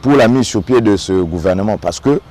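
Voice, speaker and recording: A man's voice: fairly low pitch, animated, fairly quick, a little mellow. A man with a Congolese French accent, a local notable, speaking earnestly in an interview and often repeating small words as he searches for the next one. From Democratic Republic of the Congo. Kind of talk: on-site interview, political commentary.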